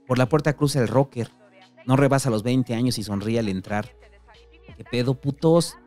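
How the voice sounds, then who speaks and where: A man's voice: mid-range voice, fairly quick, a little mellow, faint music behind. A man with a Mexican accent reading a gritty, slang-heavy story aloud. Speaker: narrator.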